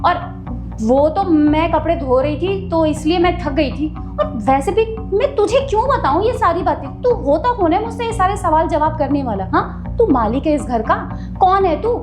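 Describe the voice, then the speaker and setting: A woman playing a high-voiced quarrelsome maid. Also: expressive, moderate pace, music in the background. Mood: defensive, scolding. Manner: snappy and quarrelsome, then pleading. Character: female house maid, poor, defensive. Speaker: maid in a short comedy-drama skit. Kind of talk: Hindi web-skit acting.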